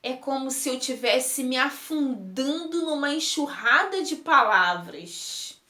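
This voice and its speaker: A woman reading a first-person text aloud, slow and emotive, lingering on words. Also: high-pitched, expressive, pushed and bright. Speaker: reader. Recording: roomy echo.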